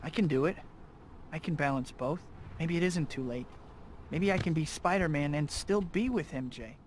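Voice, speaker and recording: Earnest, higher-voiced young Spider-Man, played by a man. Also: moderate pace, close to an everyday voice. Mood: hopeful, earnest. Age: young adult. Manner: earnest, self-questioning. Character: earnest young male superhero torn between two lives. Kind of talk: video game cutscene acting. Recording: game music behind the voice.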